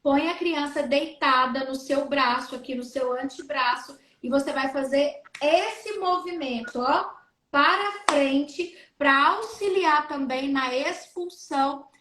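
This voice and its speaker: A woman's voice: high-pitched, slow, a bit bright, echoey room, slight background noise. A speech therapist woman with a Brazilian Portuguese accent, explaining on a live stream and acting out coughs and vowels as she demonstrates.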